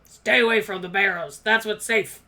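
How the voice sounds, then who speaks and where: A gruff old male dwarf blacksmith from a tabletop game, acted by a woman. The delivery is forceful and loud, with curt, crabby warnings and an undertone of fear. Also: moderate pace. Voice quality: deep-voiced, gruff. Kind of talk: tabletop game role-play.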